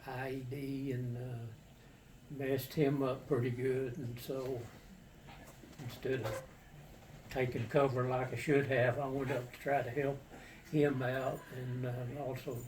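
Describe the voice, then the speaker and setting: An older man, a war veteran, casually recounting his memories in a halting, matter-of-fact, plain-spoken way. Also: medium pitch, flat delivery. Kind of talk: casual personal storytelling. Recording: distant mic with faint background noise.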